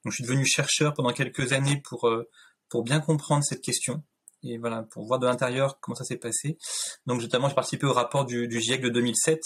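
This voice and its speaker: A man in his thirties talks as a guest over a video call from a room at home. His voice is husky and middle-pitched, and he speaks in a thoughtful way, full of fillers and restarts. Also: fairly even intonation, fast talker, a bit bright. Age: 30s. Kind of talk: casual interview talk.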